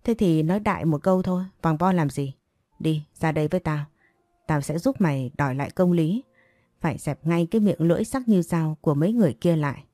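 A woman's voice: low-pitched, no room sound. Woman voicing a blunt, scolding village girl. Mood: urging. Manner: scolding, quick and forceful. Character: blunt young village woman, bossy friend.

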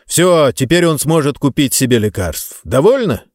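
A man's voice: on the high side, big pitch swings, moderate pace, no echo, pitched above the performer's own voice. A man voicing a stern, dismissive wealthy father who speaks curtly and gives orders, in an audiobook. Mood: impatient. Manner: curt, scornful, commanding.

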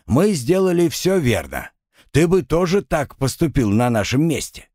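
A man's voice: a little high, very animated, normal speed, a little mellow, no room sound, clean studio sound, pitched above the performer's own voice. A man doing a smug jeering young rival. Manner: mocking, offhand.

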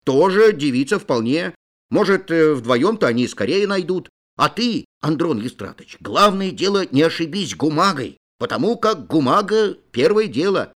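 A man's voice: on the high side, big pitch swings, moderate pace, pitched above the performer's own voice. A man reading aloud voices a shy young villager made bold and earnest by drink. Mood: emboldened.

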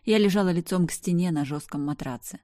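A woman narrating a story in first person, reading with expressive emotion. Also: lowish voice, quick pace, no echo, studio quality.

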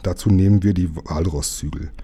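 A man reading a storybook aloud, voicing a sturdy adult engine driver who grumbles low and unhurried. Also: dark tone, slightly rough. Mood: steady.

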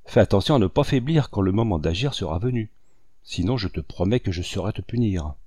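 Stern, scolding male comrade in a storybook, curt and low, as a male narrator puts him on. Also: animated, a little fast, warm tone, no room sound, clean studio sound.

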